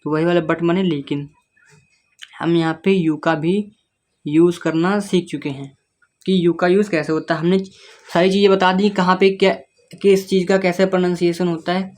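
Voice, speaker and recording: A man's voice: high-pitched, level tone, normal speed. A man teaching beginners to read, going letter by letter and checking in with the listener. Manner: patient, spells words letter by letter, keeps checking in with the listener. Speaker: English reading teacher. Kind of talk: step-by-step spoken lesson.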